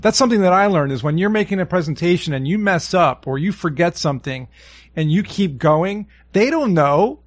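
A man's voice: high voice, animated, brisk, dry recording. A man hosting a podcast, asking long rambling questions with lots of "you know" and "like". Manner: chatty, rambling questions with many fillers. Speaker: podcast host. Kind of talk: casual interview chat.

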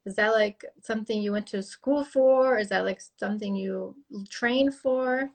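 A woman's voice: mid-range voice, unhurried, darkish tone. A woman hosting a casual interview, asking questions and giving short encouraging responses. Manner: encouraging, frequent short backchannels. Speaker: interviewer, host.

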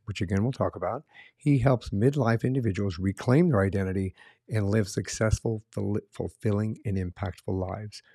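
Man, podcast host, low husky voice, measured, promotional, dry. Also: mellow, no echo. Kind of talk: scripted intro then interview.

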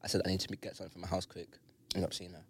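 A man's voice: low voice, flat delivery, racing, breathy edge. A young man with a London roadman accent, a podcast co-host telling anecdotes in casual slang. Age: young adult.

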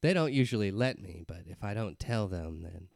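A man playing an odd, easygoing hamburger peddler with drawn-out deadpan delivery in improvised comedy. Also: on the low side, vocal fry, no room sound, studio quality. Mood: hawking, sly.

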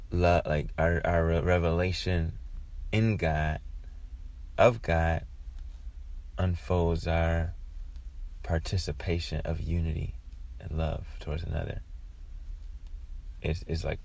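Heavy vocal fry colors this man's low, flat voice as he delivers a casual devotional talk. He speaks reflectively and haltingly, frequently pausing in the middle of phrases.

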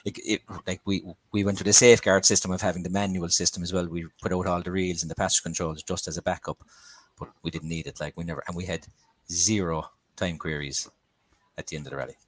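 A man's voice: low voice, steady tone, fast talker, a bit bright, no echo. An Irish man talking casually as an interview guest, often repeating his words and phrases. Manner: repeats himself. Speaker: podcast guest, rally organiser.

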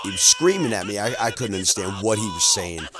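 A man's voice: fairly low pitch, big pitch swings, music in the background. A man playing a young soldier, telling his war memories in the first person, earnest and stammering. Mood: haunted. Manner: earnest, halting with stammered repeats. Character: young male soldier recalling war, haunted. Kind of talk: first-person dramatic story narration.

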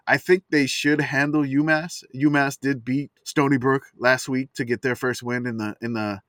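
A man's voice: medium pitch, steady tone, normal speed, fairly bright tone, dry recording. A man hosting a casual sports chat podcast from inside a closet, rambling and chatty with plenty of fillers. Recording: dry, close sound from a closet.

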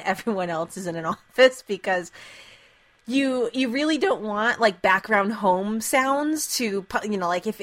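A woman's voice: fairly low pitch, a bit bright. A woman co-hosting a podcast, telling a story in a chatty way and often laughing as she talks. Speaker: podcast co-host. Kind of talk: casual chat, storytelling.

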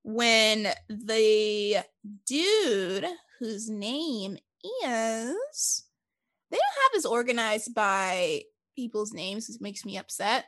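Bright, lively woman co-hosting a movie chat. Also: on the high side, dry recording, studio quality. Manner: bubbly and quick to laugh, steering the segments. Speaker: podcast co-host. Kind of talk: casual movie review chat.

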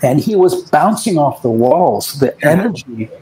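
A man's voice: on the high side, very animated, measured pace, mellow, slight background noise, low-quality recording. A man, a guest musician, telling rambling anecdotes in a casual interview, often restarting his sentences.

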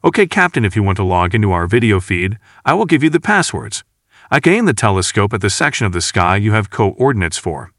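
A calm male station chief who explains things in a measured way, read by an audiobook narrator. The voice is low and lively in its pitch. It sounds close and dry. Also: no room sound. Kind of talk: audiobook character reading.

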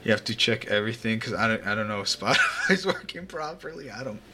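The young man hosting this casual podcast has a fairly low voice with lively intonation and a quick pace, and a crowd can be heard in the background. He rambles loosely, laughs often and swears occasionally, recording in a home room with a fan running on a home mic over a voice call.

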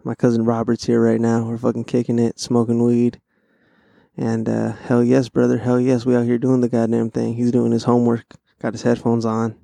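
A man's voice: mid-range voice, monotone, moderate pace, creaky, dark tone, dry recording. A young man, audibly stoned, rambling in slangy, sweary, laid-back podcast chat and repeating himself. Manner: profane, repeats phrases. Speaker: podcast host.

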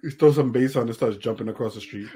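A man's voice: medium pitch, fast talker, noisy background. A podcast co-host telling jokey stories from home, laughing at his own bits. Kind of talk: casual chat. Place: home with a TV in the background.

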